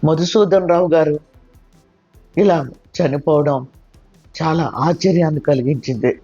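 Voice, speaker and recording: A solemn lawyer offers his condolences slowly and gravely, voiced by a male narrator. The voice is husky and fairly high for a man. The recording is dull and lo-fi with faint music. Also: dark tone. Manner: slow, condoling.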